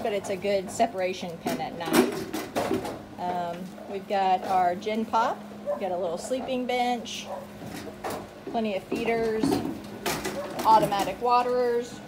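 A farm owner gives a casual walkthrough video tour of a wooden goat barn with open doors, narrating from behind the camera on a handheld phone. Her voice is a little high, with background noise.

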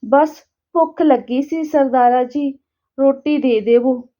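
A simple, plain-spoken woman coaxing gently, as a woman storyteller puts her on. The voice is high and slow. The recording is dull and lo-fi.

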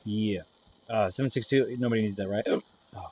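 A man's voice: fairly low pitch, steady tone, fairly quick, a little mellow, slight background noise. A young man chatting casually over a headset mic while gaming, laughing often and swearing casually. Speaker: gamer in party chat.

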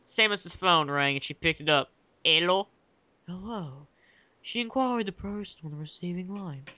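A man's voice: high voice, expressive, brisk, bright, forceful tone, no room sound, highs cut off. A young man giving a mock-dramatic comedic reading of a fan fiction, giggly and hammy. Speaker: fanfic reader and uploader.

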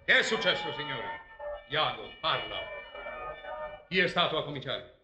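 An actor playing a stern, commanding general, in theatrical period film style. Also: male voice, fairly high pitch, lively intonation, normal speed, close to an everyday voice. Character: stern, commanding male general rebuking his men. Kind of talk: theatrical Shakespearean film acting in Italian. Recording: echoey old film soundtrack with music.

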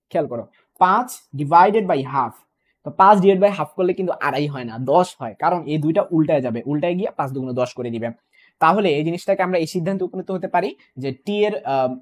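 A young man teaching an online physics exam-prep class, repeating points and checking in often with his students. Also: on the high side. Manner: fast, repetitive, checks in with "okay?" and "clear?". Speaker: physics tutor.

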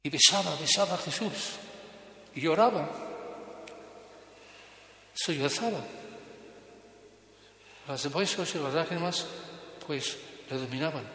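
A Spanish priest giving a sermon, telling a story and acting out its dialogue with feeling. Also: male voice, on the high side, slow, pauses often, pushed and bright, roomy sound, long reverb tail, a little hiss or hum.

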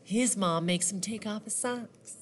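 A woman reading a picture book aloud to children like a teacher, animated, asking questions and counting along. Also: mid-range voice, a little slow.

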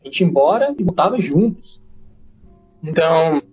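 A man who is a podcast guest, telling a personal story in a casual, slangy and animated way. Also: fairly high pitch, husky, lo-fi sound, soft background music. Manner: slangy, rapid, animated retelling.

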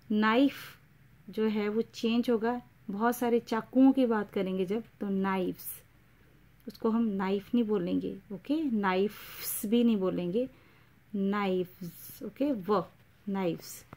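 A woman gives a slow, patient lesson. Her voice is mellow and a little dark, and she repeats each example before moving on. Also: medium pitch. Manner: patient, repeats each example, mixes English words into Hindi. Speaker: English teacher. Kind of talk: explaining English grammar in Hindi.

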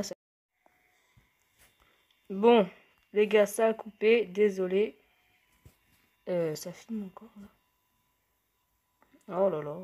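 A woman's voice: medium pitch, dark tone. A playful young woman giving casual gameplay commentary, talking to the game characters and breaking into squeals and laughs. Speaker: gaming youtuber.

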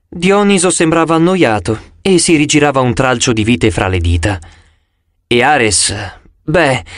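A man reading a novel aloud as an audiobook narrator, expressive and shifting his voice for each character. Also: a little high, no room sound, clean studio sound.

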